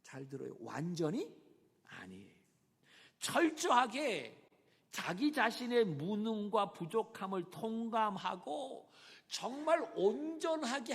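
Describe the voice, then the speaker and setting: Dramatic preacher with a gravelly voice. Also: male voice, sits high, long reverb tail. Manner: dramatic, swings between loud emphasis and whispers. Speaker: pastor. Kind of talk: sermon.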